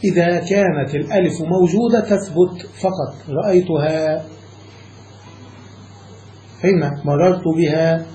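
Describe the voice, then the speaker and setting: A sheikh teaches a classroom grammar lesson in a high, mellow voice, laying out each rule step by step. He pauses often to check that his students follow. The recording sounds roomy, with a faint hiss underneath. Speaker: Islamic scholar teaching Arabic grammar.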